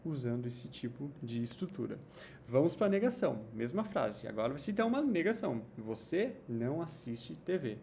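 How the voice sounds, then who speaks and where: Male teacher, mellow tone, lively pitch, patient and explanatory, faint noise behind. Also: gravelly. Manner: lively, slow drawn-out example sentences, frequent "tá?" and "né?" checks. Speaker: English teacher. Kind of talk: Portuguese-language English grammar lesson.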